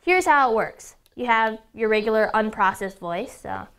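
A young woman with a slightly high voice walks through a toy product demo. She explains each feature step by step in an upbeat, scripted way. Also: expressive, moderate pace, fairly bright tone, clear, resonant tone. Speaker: product demonstrator.

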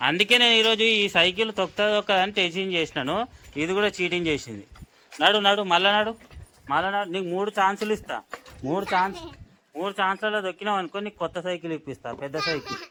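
A man's voice: high voice, fast, bright, forceful tone, slight background noise. A man with a Telangana accent, filming a family vlog outdoors and coaching a child with repeated, urging commands. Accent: Telangana Telugu. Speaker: family vlogger. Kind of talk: casual coaching while filming.

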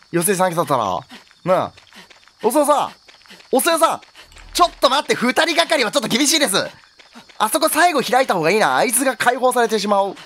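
Jumpy, wildly animated male game commentator. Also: high voice. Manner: jokey, yelps and exclaims at scares. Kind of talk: horror game let's play commentary.

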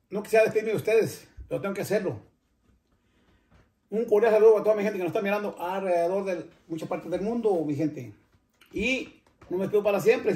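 An older man with a high-pitched, dark-toned voice hosts a cooking channel, chatting casually with viewers. His talk rambles, often stopping and restarting, and the recording sounds roomy and echoey.

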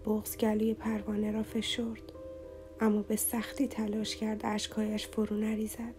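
A woman reading a romance novel aloud as an audiobook narrator in a slow, somber, even way. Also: mid-range voice, faint music behind.

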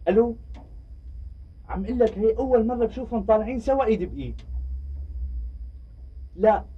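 An actor playing a secretive informant reporting by phone, with a Damascene accent, in an urgent way. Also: male voice, high voice, lively intonation, brisk, husky. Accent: Damascene Arabic. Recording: tinny phone line, distant.

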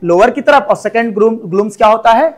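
A man's voice: high voice, expressive, fast talker. Male teacher who lectures with lots of coaxing questions. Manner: coaxing, asks students constant questions. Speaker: biology teacher. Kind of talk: classroom lecture.

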